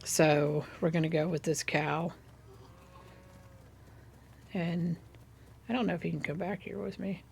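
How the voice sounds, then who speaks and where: A woman's voice: on the low side, flat delivery, a little slow, gravelly, long pauses, darkish tone, a little hiss or hum. A middle-aged woman casually chatting through her gameplay, rambling and sometimes coaxing in-game animals in a sweet sing-song. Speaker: gaming YouTuber.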